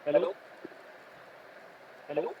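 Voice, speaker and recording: A man joining an online webinar as an attendee. He sounds distorted and broken up over a weak connection, and he asks his questions politely and hesitantly, often calling the host sir. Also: phone-quality sound. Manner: deferential, says sir often, halting restarts. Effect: distorted, breaking online call audio. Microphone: video call connection. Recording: loud noisy distorted call line.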